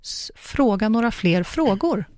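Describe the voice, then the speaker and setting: A woman's voice: medium pitch, lively intonation, a little mellow, no room sound, studio quality. A middle-aged woman, a coach, explaining ideas in a chatty way with acted-out example dialogues. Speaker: coach and communicologist guest. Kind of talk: casual podcast conversation.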